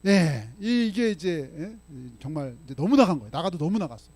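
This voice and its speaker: In a church sanctuary, a male pastor preaches emphatically, reading scripture aloud with force and prodding the congregation with frequent questions and rhetorical "응?" and "예?" prompts. His voice sits on the high side, very animated and brisk, with a darkish tone and no room sound.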